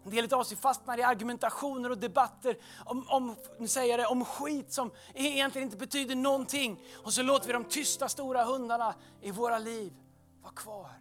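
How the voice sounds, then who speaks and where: A high-pitched man in middle age preaching a sermon. He drops to hushed, reflective lines and then rises to loud, fervent calls. Soft music plays faintly under his voice.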